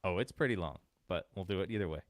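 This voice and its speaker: A man hosting a podcast, telling a story in relaxed casual chat and laughing often. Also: sits low, fast talker, no echo, clean studio sound. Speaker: podcast host.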